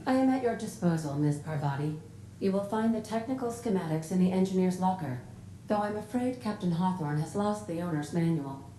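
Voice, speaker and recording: A calm female ship computer, voiced by a woman, polite and exact in every phrase. Her tone sits low and mellow, with a roomy echo around it. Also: a little fast, natural voice. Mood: calm formal. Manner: polite, precise, formal. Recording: roomy echo, faint rumble.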